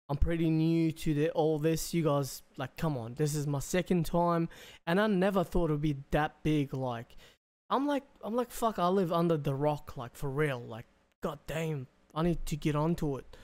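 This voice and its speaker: Speaking a little high with a darkish tone, a young Australian guy chats through reaction commentary, full of slang, swearing, and rambling. He's recorded indoors in a small bedroom on a close desk mic.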